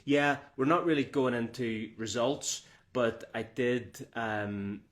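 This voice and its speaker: A man co-hosting a trail running podcast, telling stories in lively, joking banter. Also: medium pitch, takes it slowly. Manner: lively storytelling, jokey. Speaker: podcast co-host. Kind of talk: casual banter.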